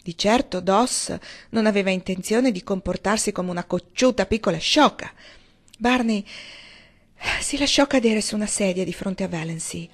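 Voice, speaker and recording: A woman narrating a novel as an audiobook, with an expressive, measured reading. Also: medium pitch. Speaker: audiobook reader.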